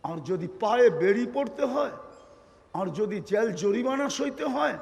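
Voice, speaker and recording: A man preaching a waj sermon, fervent, firing rhetorical questions at the crowd and swinging from soft to loud. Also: very high-pitched, expressive, moderate pace, gravelly. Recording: long hall reverb.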